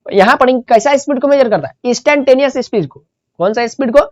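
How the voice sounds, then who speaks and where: A woman's voice: sits high, brisk, dry recording, lo-fi sound. Woman teaching physics, close and dry. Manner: explains step by step, repeats key terms, asks rhetorical questions. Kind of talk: classroom lecture.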